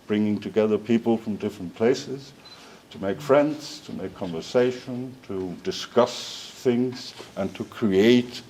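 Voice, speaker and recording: A man giving opening remarks at a panel, hesitant and unhurried with frequent fillers. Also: lowish voice, a little mellow, a little hiss or hum, low-quality recording.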